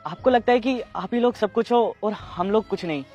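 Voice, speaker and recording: A man's voice: high voice, normal speed, muffled recording, faint music behind. A man playing a poor young vendor and protective older brother who speaks earnestly and respectfully. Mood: firm. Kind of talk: amateur web drama acting.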